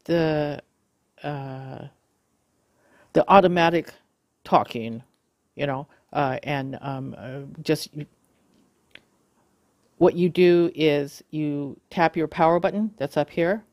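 A woman giving a casual how-to demonstration, talking haltingly with many fillers and self-corrections. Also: low-pitched, a little mellow, dry recording, clean studio sound. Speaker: video tutorial host.

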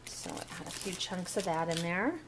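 A woman's voice: fairly low pitch, fairly even intonation, moderate pace, noisy background. A woman walking through a recipe step by step in a casual kitchen demo at a home counter, recorded on the camera mic. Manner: chatty, step-by-step instructions. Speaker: cooking vlogger.

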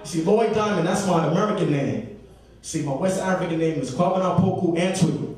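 A man doing animated, slangy stand-up comedy, talking straight to his audience. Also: high voice, brisk. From New York City. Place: small comedy club stage. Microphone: handheld stage mic, captured by far camera. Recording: echoey club far off, loud audience.

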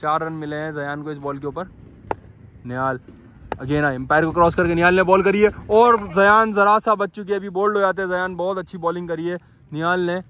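Speaking fairly quickly in a high register, this young man from Pakistan calls a street cricket game ball by ball as it's filmed on a phone. Out on the dirt pitch, his commentary is excited and repetitive, and he calls out to the umpire.

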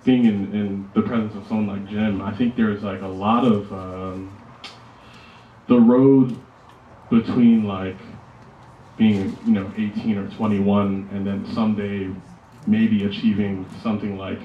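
Low-voiced hesitant man, echoey room. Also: fairly even intonation, measured pace, slight background noise. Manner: hesitant, many fillers like "you know" and "like". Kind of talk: casual remarks to an audience. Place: music shop, indoors. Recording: echoey room from far off, dull lo-fi.

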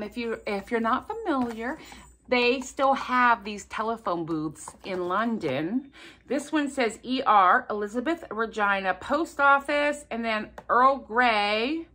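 A woman's voice: on the high side, bright, forceful tone, a little hiss or hum. A woman vlogger chatting casually to camera while unboxing gifts, gushing and gasping over each one and rambling off into asides. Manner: rambling, jumps between asides. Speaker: vlogger opening subscriber gifts.

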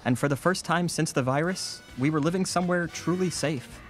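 An actor plays a neurotic, bookish, earnest young American survivor in his thirties, wordy and precise, in a comedy film's narration and dialogue. The mood is wry and nostalgic, and his slightly high, slightly fast voice sounds close to an everyday one, with faint music behind.

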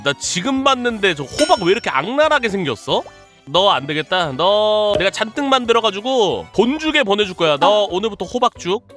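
A woman streams a casual game with animated commentary, her voice leaping up and down as she goes. She coaxes and scolds the pieces on screen like unruly children, at an ordinary middle pitch. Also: moderate pace, soft background music. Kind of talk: playful gameplay commentary.

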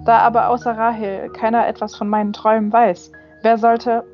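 A woman's voice: fairly high pitch, little pitch movement, normal speed, close to an everyday voice. A young male angel, earnest and wary, pressing for answers before he trusts anyone, as a woman narrating an audiobook puts him on. The recording is slightly dull, with faint music behind. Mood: insistent. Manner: earnest, questioning.

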